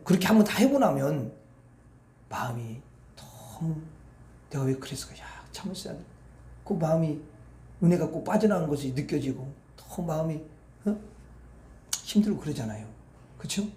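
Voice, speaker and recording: A man's voice: fairly high pitch, animated, moderate pace, mellow, roomy sound. A man pastor preaching at an evening prayer meeting, talking to the congregation in a colloquial, conversational way and often asking them rhetorical questions.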